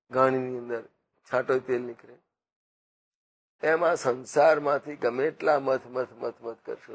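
Male spiritual speaker, husky, unhurried parable-telling sermon style. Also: medium pitch. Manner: slow, repetitive parables with quoted dialogue. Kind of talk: devotional discourse.

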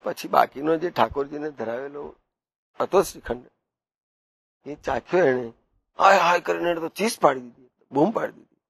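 A male preacher with a gravelly, husky voice gives a devotional discourse. He tells stories and turns to his listeners with questions. The sound is dry and close. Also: on the high side, normal speed, long pauses, a bit bright, dry recording. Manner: storytelling, asks the listeners questions.

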